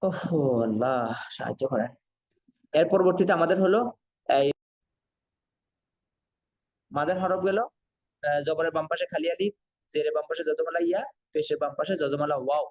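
A man teaching Quran reading in an online class, sounding out syllables slowly and repeating them for learners. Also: fairly high pitch, darkish tone. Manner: slow syllable-by-syllable drilling, repetitive. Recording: dull lo-fi sound.

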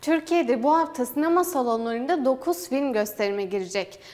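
A young woman presenting film news for university television, reading a script in a formal, even way. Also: high voice, fairly quick. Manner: even, formal read-aloud delivery. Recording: hall reverb.

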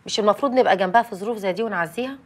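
A woman's voice: medium pitch, rapid-fire, close to an everyday voice. An actress playing a blunt woman, speaking with an Egyptian Arabic accent.

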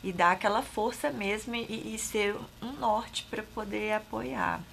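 Brazilian woman doctor, talk-show guest, hesitant with fillers, bright forceful tone. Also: medium pitch, measured pace, vocal fry, slight background noise. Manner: hesitant, with many repeated fillers and restarts. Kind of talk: casual talk-show conversation.

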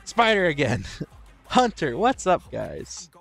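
A man's voice: fairly high pitch, huge pitch swings, slow, vocal fry, fairly bright tone, soft background music. A man streaming, chatting casually and joking with his co-streamer while greeting his chat by name.

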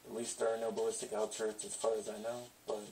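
A man's voice: on the low side, monotone, quick pace, a little mellow, far from the mic. A man talking through a gas mask, reviewing it in a casual and enthusiastic way. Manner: enthusiastic, rambling with fillers. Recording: muffled voice from farther off the mic, faint room noise.

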